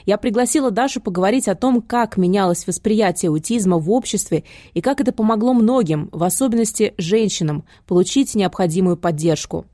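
A woman's voice: mid-range voice, a little fast, few pauses, mellow, no room sound, studio quality. A woman reading scripted narration for a news report as a reporter. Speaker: radio reporter.

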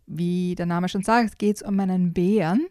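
A woman talking enthusiastically about children's books in a casual, relaxed way, with frequent fillers. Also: fairly low pitch, a little slow, no room sound, clean studio sound. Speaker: children's book reviewer. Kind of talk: casual book chat.

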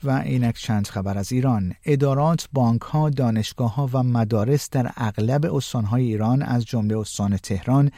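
A man reading the news as an anchor, in a measured, even newsreader delivery. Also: medium pitch.

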